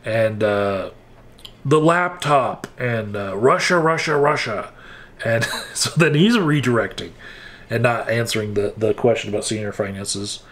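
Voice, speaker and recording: A man's voice: on the low side, animated, a little slow, fairly bright tone. A man giving a frank, wry, casual spoken recap with hesitant restarts, as a political commentator.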